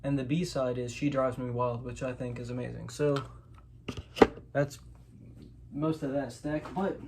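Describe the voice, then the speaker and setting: With a steady tone and an unhurried delivery at medium pitch, this host walks through his collection off the cuff, qualifying and correcting himself along the way. Clicks and clatter sit in the clearly noisy background.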